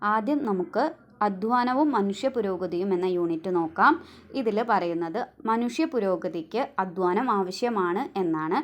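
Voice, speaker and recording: Woman explaining exam notes. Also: mid-range voice. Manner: explains point by point, asks and answers her own questions. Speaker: teacher. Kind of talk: exam revision lesson.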